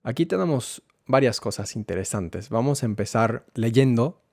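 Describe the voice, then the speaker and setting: A man teaching a Spanish lesson, going slowly and repeating words so learners can follow. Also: medium pitch, lively intonation, vocal fry, darkish tone, no echo, studio quality. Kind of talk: language lesson.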